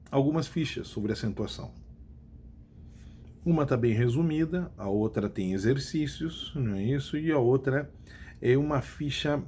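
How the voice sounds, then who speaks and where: A Brazilian man at a medium pitch gives a recorded class lesson, repeating key points and checking that students follow. A faint hiss sits under the voice. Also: mellow. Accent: Brazilian Portuguese. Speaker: Spanish teacher.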